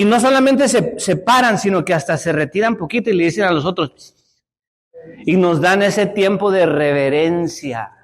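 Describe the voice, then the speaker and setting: A middle-aged man teaching a Sunday school class in a church hall, telling personal stories and calling out to the congregation in an animated way. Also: a little high. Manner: animated, storytelling, calls out to the congregation.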